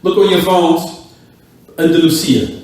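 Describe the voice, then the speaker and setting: A man teaches a class in a mosque, going back over key words and quizzing his students as he goes. His voice sits a little high for a man. It comes from some way off the mic and rings through a very echoey room. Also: little pitch movement, measured pace, a little mellow, distant mic. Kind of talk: classroom lecture with questions to students.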